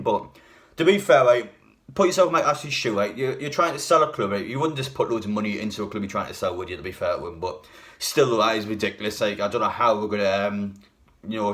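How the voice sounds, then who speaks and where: A man's voice: fairly low pitch, a bit bright. A man, a bit hungover, giving a casual, blunt and rambling opinionated talk as a football fan video host.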